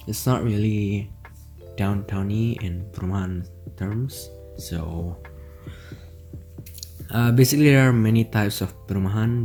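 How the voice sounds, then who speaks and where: A gaming channel host whose first language is Indonesian offers casual commentary on his gameplay. His voice is low and a little mellow, and he rambles, full of fillers and self-corrections.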